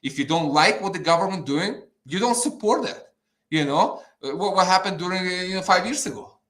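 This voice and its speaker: A Ukrainian man with an Eastern European accent, a petition campaigner appearing as a guest, launches into an impassioned conversational rant. His high voice is expressive, fairly quick and fairly bright, and he's blunt and fired-up, swearing and repeating himself. The sound is roomy and echoing.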